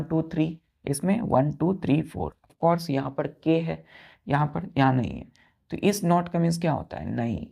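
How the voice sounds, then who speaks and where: Indian woman teacher, low, dark, gravelly voice, slow and patient, spells words out for students. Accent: Indian English. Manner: slow, spells words letter by letter, often asks "clear?". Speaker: English teacher. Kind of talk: classroom vocabulary lesson.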